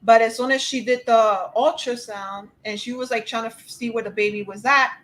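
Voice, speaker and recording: A woman hosting a podcast, telling a personal story in a casual, animated way and acting out the dialogue. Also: on the high side, a little fast. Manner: animated, acts out dialogue, laughs easily; addresses a live chat. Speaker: podcast host.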